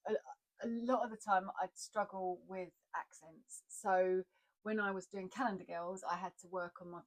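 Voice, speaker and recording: A talkative woman with an Essex accent chats casually about acting, her pitch sitting in a middle range. She tells animated stories and laughs often. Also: moderate pace. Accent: Essex English. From Essex, England. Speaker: podcast co-host, actor. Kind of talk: casual chat.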